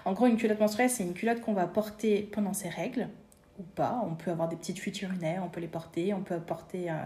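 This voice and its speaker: A woman's voice: medium pitch, fairly even intonation, quick pace, warm tone, roomy sound. A woman guest in a casual interview, explaining her craft with many fillers and restarts. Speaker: guest, seamstress and designer.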